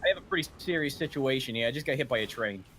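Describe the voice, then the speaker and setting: A man's voice: medium pitch, expressive, racing, fairly bright tone, a little hiss or hum, natural voice. A man playing Scout, a brash, cocky young male mercenary who wisecracks and acts mock-offended. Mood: deadpan. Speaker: character guest on charity stream.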